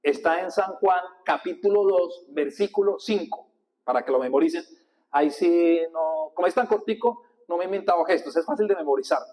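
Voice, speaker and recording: Man, priest, fairly high voice, sermon, handheld mic, call-and-response teaching. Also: moderate pace, low-quality recording. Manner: animated, coaches the congregation to repeat with hand gestures. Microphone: handheld microphone.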